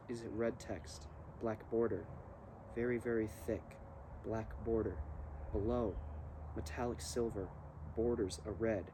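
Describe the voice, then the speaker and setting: A man reading poems aloud and musing on them in halting short phrases while he smokes a cigar. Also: on the low side. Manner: smoking a cigar while talking. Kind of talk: slow, musing poetry reading with casual asides. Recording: faint ambient background noise.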